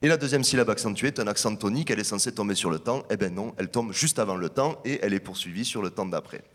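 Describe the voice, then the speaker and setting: Man lecturing in a reverberant hall. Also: on the low side. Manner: measured, explanatory delivery. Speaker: researcher presenting findings. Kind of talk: academic conference talk.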